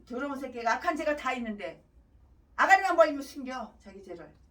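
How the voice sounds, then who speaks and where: A woman preacher with a high, sharp, bright voice that keeps swinging from shouted outbursts to low muttering. Her voice sounds a little distant, as if she stands back from the mic. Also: very animated, brisk. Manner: ranting, abrupt swings between shouting and muttering. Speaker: pastor. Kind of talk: sermon.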